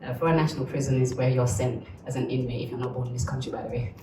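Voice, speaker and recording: Very low-voiced woman recounting her story. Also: steady tone, very fast, reverberant, distant mic, a crowd in the background, poor audio. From Uganda. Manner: candid, reflective storytelling. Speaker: interviewee. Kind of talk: documentary interview.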